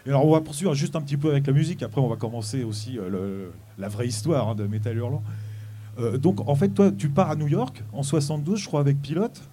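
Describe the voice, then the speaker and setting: A man's voice: mid-range voice, quick pace, mellow. A male interviewer asking conversational questions, with some hesitation.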